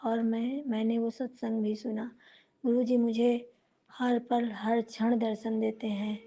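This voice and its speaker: A woman sharing a devotional testimony, speaking slowly and reverently and chanting mantras. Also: on the high side, little pitch movement, dark tone.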